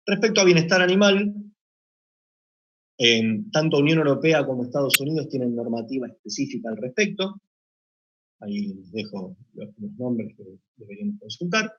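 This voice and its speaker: A man giving a measured technical conference presentation, explaining point by point with occasional hesitations. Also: mid-range voice, husky. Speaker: meat plant deputy manager presenting. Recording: dull lo-fi recording.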